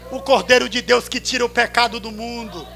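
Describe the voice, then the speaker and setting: A Brazilian man preaching a sermon at a church service, swinging from hushed storytelling to drawn-out shouts. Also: very high voice, fairly even intonation, creaky. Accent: Brazilian Portuguese.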